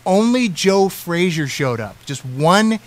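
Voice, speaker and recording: A man's voice: high-pitched, very animated, slow. Chatty man hosting movie trivia. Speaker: radio show host. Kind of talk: casual movie trivia chat.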